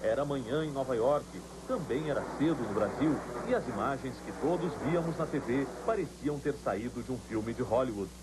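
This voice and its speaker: A man narrates a scripted news report at a medium pitch. Very loud ambient noise runs behind his voice. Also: lively intonation, fairly quick, few pauses.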